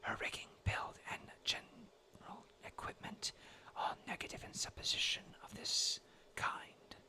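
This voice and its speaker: A man's voice: unhurried, bright, forceful tone. A man in his twenties from New England, reading a classic sea tale aloud in a whispered role-play ASMR style. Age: 20s. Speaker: storyteller.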